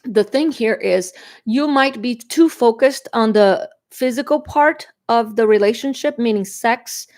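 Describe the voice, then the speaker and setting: Unhurried and slightly mellow, with a voice on the high side, a Brazilian woman does a tarot reading in a chatty manner. Her first language is Portuguese, she has a Brazilian Portuguese accent, and she often drops in fillers and "okay?".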